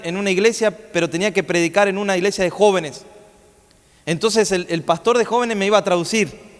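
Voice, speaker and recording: A man preaching a sermon in a church, telling a story and asking the congregation questions, often restarting his words. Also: high-pitched. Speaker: guest preacher. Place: church sanctuary. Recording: long church hall reverb.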